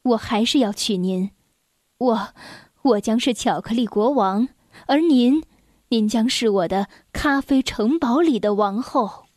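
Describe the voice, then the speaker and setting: A woman voicing an earnest, lovesick young man who runs a cafe in a children's storybook, in a slightly lowered soft voice. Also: measured pace, long pauses, no echo, clean studio sound, natural voice. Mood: determined.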